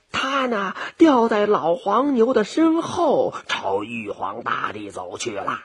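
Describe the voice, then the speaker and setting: A man telling a children's fable with playful expression. His voice sits high and swings widely. It has a bright, slightly husky tone. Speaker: storyteller for children. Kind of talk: children's story narration.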